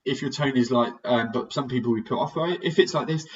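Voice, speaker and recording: A young British man giving a conversational recorded physiotherapy lecture, plain-spoken and self-aware about sounding monotonous. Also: mid-range voice, fast talker. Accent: British English. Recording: distant mic, dull lo-fi sound.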